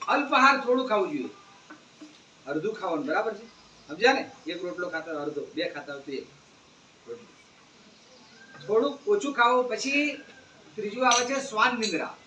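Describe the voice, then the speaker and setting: Brief: male speaker, animated school talk that quizzes the kids; distant mic with faint background ambience. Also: high voice, brisk, pauses often, echoey room, a little hiss or hum. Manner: animated, asks the children questions. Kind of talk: moral talk to students. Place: school gathering.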